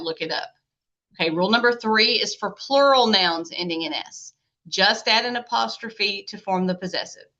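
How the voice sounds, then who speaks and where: A bright-voiced woman teaches a grammar lecture in a casual, chatty manner, pausing often to check that the class is following. The recording sounds dull and a little lo-fi. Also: medium pitch. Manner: chatty, checks in with frequent "okay?" and "right?".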